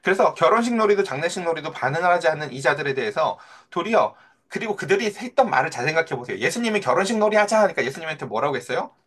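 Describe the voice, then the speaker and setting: A man's voice: fairly high pitch, racing, husky. A middle-aged male pastor preaching in a conversational way, asking his listeners questions and acting out the voices in his stories. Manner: animated, acts out quoted voices of children and Jesus. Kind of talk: sermon.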